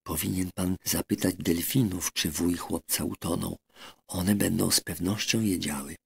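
A man's voice: steady tone, normal speed, vocal fry, breathy edge, heavily acted. A man doing a whispering sensible duck. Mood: confiding. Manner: whispered, low and confiding. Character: female duck housekeeper, sensible and fussy.

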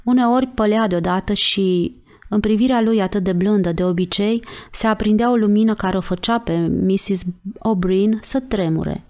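A woman narrating an audiobook chapter in a slow, measured reading voice. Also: medium pitch, darkish tone. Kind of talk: scripted narration.

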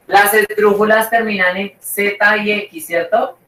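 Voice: mid-range voice, level tone, unhurried, bright, forceful tone, roomy sound, distant mic, slight background noise, poor audio. A teacher giving an online class, repeating each point and checking in with the students again and again. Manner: repeats and checks with "¿cierto?" and "¿listo?".

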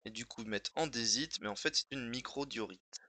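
Here the man speaks a bit fast at medium pitch, his voice pushed and bright in a dry recording. Working on a dictionary wiki during a casual stream, he thinks aloud, mutters words over and over, and breaks off to chat with viewers.

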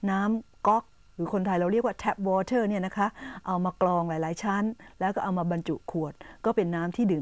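A woman hosting an educational program, patiently explaining English words to Thai viewers and repeating them slowly and clearly. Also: medium pitch, darkish tone, no echo. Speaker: English teacher and host.

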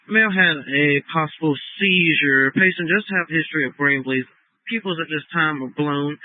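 Higher-voiced male paramedic on ambulance radio. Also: no echo. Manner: clinical, clipped phrases. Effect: radio transmission. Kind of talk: ambulance radio report to hospital. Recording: dry, narrow phone-like radio scanner feed.

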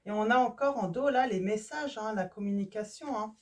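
A woman with a hoarse voice reading tarot cards for her viewers, casual and hesitant, often stopping to search for words. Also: mid-range voice, normal speed, far from the mic. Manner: hesitant, many fillers and restarts. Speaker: tarot reader. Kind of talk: casual card-reading video.

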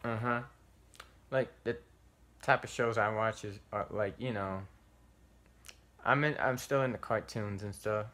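Guy doing a shy 15 yr old boy on a phone call, lowish voice, mumbly short answers. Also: unhurried, pauses often, fairly bright tone. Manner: hesitant, short replies with hums. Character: fifteen-year-old boy decoy, shy and laid-back. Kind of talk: phone call role-play.

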